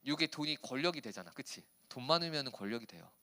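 A man in his thirties preaching a youth sermon in a church, animated and teasing his teenage listeners in casual speech. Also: medium pitch, quick pace. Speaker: youth pastor. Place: church hall.

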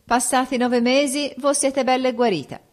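A woman reading the part of a court doctor, speaking slowly with a mischievous, knowing tone. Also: high voice, fairly even intonation, pitched above the performer's own voice, natural voice. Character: sly old court doctor, man.

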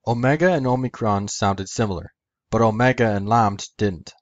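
A man with a fairly low voice delivers a scripted lesson, walking through each point in careful order. The sound is dry and close, with no room around it. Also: moderate pace, no echo, lo-fi sound. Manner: methodical, step-by-step explaining. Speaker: educational video host. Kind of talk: scripted explanatory narration.

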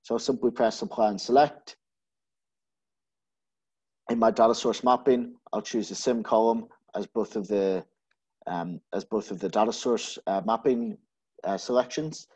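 A man giving a methodical screen-share software walkthrough, explaining each step with frequent filler sounds. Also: on the low side, steady tone, measured pace, pauses often, breathy edge. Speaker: solutions architect giving a software demo.

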